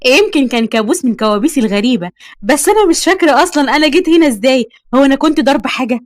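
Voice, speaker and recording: A woman voicing an excitable, joking young female music teacher in an Egyptian accent. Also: high voice, very fast, no echo, clean studio sound. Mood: puzzled.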